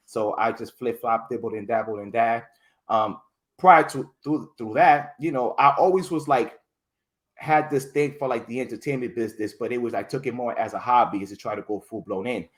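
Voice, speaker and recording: A man's voice: mid-range voice, moderate pace. A man as a guest in a casual interview, rambling through stories with lots of fillers and restarted words. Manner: animated storytelling, voices others in quotes. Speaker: podcast guest.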